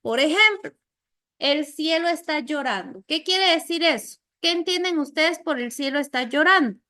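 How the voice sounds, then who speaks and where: A woman's voice: high-pitched, normal speed. A woman teacher lecturing a class, explaining with everyday examples and often checking in with "¿verdad?". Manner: acts out little quoted scenes in lively voices.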